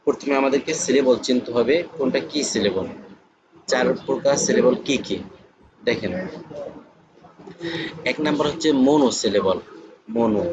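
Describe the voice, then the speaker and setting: Man teaching slowly with repetition. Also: mid-range voice, animated, muffled recording, background noise. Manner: slow, repetitive explaining. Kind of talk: classroom lesson to students.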